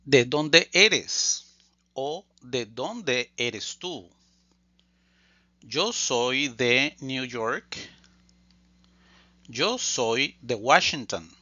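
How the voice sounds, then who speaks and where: A man teaching a language lesson, reading phrases slowly and deliberately and repeating them for learners. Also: mid-range voice, lively intonation, sharp tone, dry recording, muffled recording. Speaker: Spanish teacher. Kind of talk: slow scripted language lesson.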